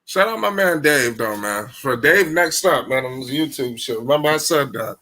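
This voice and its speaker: Bright-voiced young man arguing basketball. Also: medium pitch, moderate pace. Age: 20s. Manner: animated, interrupts, swears freely. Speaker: show host. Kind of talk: casual sports debate.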